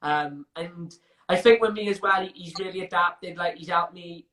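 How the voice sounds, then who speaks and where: Young Welsh fighter, guest in an interview: chatty, rambling, full of restarts, with a bright and slightly high voice. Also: male voice, moderate pace. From Wales. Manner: chatty, frequent restarts and fillers, laughs while telling stories. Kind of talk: casual interview chat.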